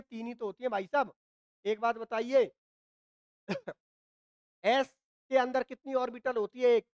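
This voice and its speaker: A man's voice: very high-pitched, darkish tone, clean tone, no echo. A male chemistry teacher with a Hindi accent, lecturing at a board with a dry throat and coughs. He asks his students questions, answers them himself and keeps checking in with them. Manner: repeats points, often says "ठीक है ना". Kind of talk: classroom lecture at a whiteboard.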